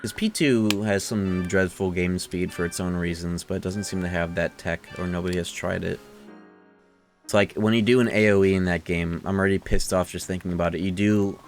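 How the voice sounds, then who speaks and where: In a casual livestream, a man chats over the video game he's playing, drifting into rambling rants full of swearing. He speaks fairly quickly in a low, steady voice, and faint music plays behind him.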